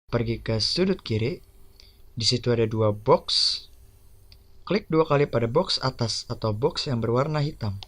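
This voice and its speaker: A man narrating a step-by-step software tutorial over a screen recording, giving plain instructions one by one. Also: mid-range voice, expressive, normal speed, pauses often.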